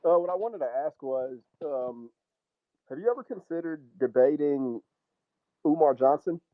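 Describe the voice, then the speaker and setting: A man's voice: on the high side, moderate pace, dry recording. A man calling into a livestream, asking a hesitant, polite question over a muffled, underwater-sounding connection. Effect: muffled, underwater-sounding stream connection. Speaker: caller. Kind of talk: casual call-in question. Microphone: headphones on a stream call. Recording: muffled, tinny, dry call-in line.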